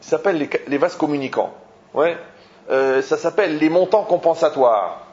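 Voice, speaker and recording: A rabbi teaches a Torah lesson in a fairly high voice, animated and questioning his listeners, circling back over his points. The recording is dull and lo-fi. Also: normal speed. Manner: animated, rhetorical questions, repeats himself.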